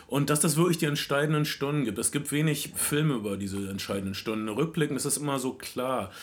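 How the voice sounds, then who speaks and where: A man's voice: medium pitch, fairly quick. A man co-hosting a podcast in casual chat, opinionated and sardonic, often restarting his sentences. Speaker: podcast co-host.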